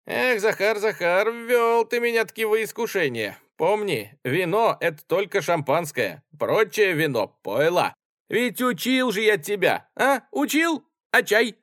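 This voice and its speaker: A man's voice: sits high, big pitch swings, measured pace, dry recording, pitched above the performer's own voice, heavily acted. A drunken cavalry captain, as a male reader puts him on, bellowing in a voice pushed far above the narrator's own. He stammers when enraged, then swings to jovial boasting. The reading is dry and close. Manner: shouting, stammering with rage. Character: drunken blustering cavalry captain, man, hot-tempered.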